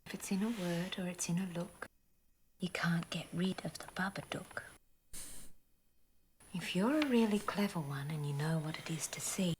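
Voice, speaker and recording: An actress with an Australian accent playing a tired, strained single mother in a film drama, often speaking in a hushed voice. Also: on the low side, normal speed, long pauses, noisy background, close to an everyday voice. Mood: hushed reading. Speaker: film character.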